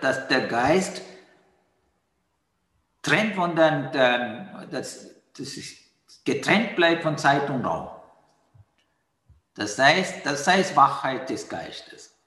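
A man giving a calm dharma talk on mindfulness as a meditation teacher, patiently repeating his key phrases. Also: a little high. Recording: roomy hall with long reverb.

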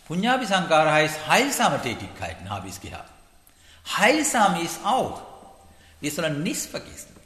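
A Buddhist teacher delivers a dharma talk in halting, loosely grammatical speech, frequently stopping to ask his listeners "Ja?" His pitch moves up and down with lively variation, and a long echo from a large hall surrounds his voice.

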